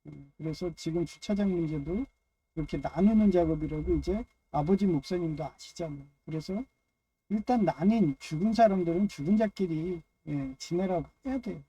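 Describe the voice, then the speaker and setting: A man's voice: fairly high pitch, moderate pace, warm tone, slightly rough. A man giving a loose, rambling personal monologue on faith and family, dropping frequent "yes" fillers between phrases. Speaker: speaker of a personal religious talk.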